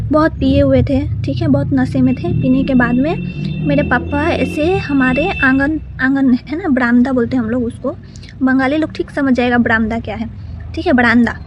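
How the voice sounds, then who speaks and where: A woman's voice: sits high, noisy background. A woman casually telling a personal story in a rambling way, full of fillers and restarts.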